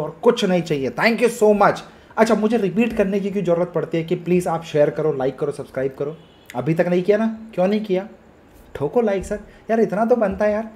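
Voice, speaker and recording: Excited man pitching stock market calls. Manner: hyped, emphatic, mixes English phrases, coaxes viewers. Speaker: stock market trading educator. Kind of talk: energetic market commentary to camera.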